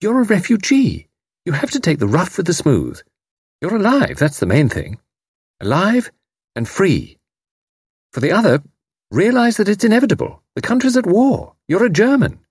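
Brisk, crisp middle-aged lady who twitters on, voiced by a male reader; high and lively. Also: no echo, clean studio sound, exaggerated voice.

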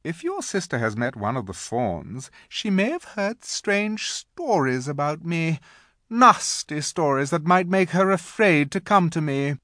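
A reader voicing an imperious, scheming witch queen from a children's storybook, sweet-talking in grand, drawn-out phrases. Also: mid-range voice, big pitch swings, a bit bright, no room sound, studio quality, pitched above the performer's own voice. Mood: conspiratorial, coaxing.

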